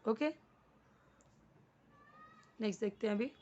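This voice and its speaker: A woman teaching English to beginners, patiently repeating each word slowly and breaking it into parts. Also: fairly high pitch, warm tone, lo-fi sound. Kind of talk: spoken English lesson for beginners.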